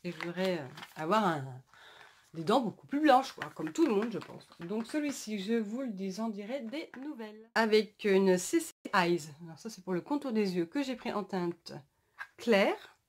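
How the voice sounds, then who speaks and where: A woman's voice: mid-range voice, expressive, moderate pace, a little hiss or hum. A woman chatting casually through a beauty product haul, reading packaging text aloud and correcting herself as she goes. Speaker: beauty vlogger.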